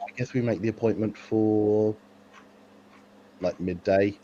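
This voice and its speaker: A man's voice: on the low side, fairly even intonation, unhurried, a crowd in the background. A man playing a tabletop game on an online call, chatting casually and a little tentatively. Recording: muffled call, faint background noise.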